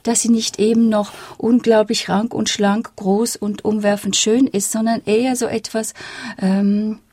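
A woman on a radio book panel speaks thoughtfully, hesitating and searching for words. Her voice has a husky grain. The sound is dry and close. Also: mid-range voice, little pitch movement, unhurried, dark tone, no echo. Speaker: book reviewer guest.

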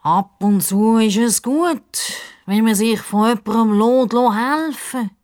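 A woman voicing a pompous, self-important male crocodile who talks slowly and condescendingly. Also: mid-range voice, animated, darkish tone. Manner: slow, drawn-out, condescending.

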